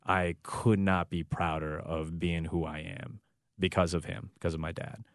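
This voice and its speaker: An American sports broadcaster in his thirties shares a personal family story, reflective and heartfelt, frequently restarting his sentences. His voice sits low, and the recording is clean studio sound with no echo.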